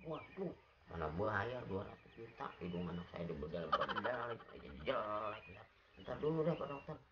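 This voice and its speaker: A man's voice: lowish voice, sing-song, normal speed, highs cut off, heavy background noise, pitched above the performer's own voice. A man voicing a flustered, fretting wealthy father in a raised voice.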